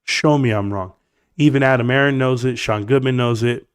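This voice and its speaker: On his stock market livestream, a middle-aged man with a scratchy, medium-pitched voice speaks at normal speed, blunt and emphatic, voicing strong opinions straight to the chat. The tone is clean, with no echo and studio-quality sound.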